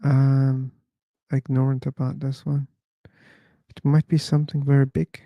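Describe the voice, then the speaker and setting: A man's voice: medium pitch, monotone, no room sound, muffled recording. A man hosting an online discussion livestream, chatting casually and thinking aloud as he waits for callers. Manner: slow, musing, thinking aloud.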